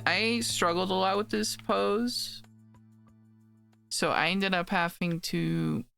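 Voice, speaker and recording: A young woman streamer with a raspy voice from being sick, chatting casually and laid-back while she draws. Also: on the low side, a bit bright. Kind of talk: casual chat while drawing.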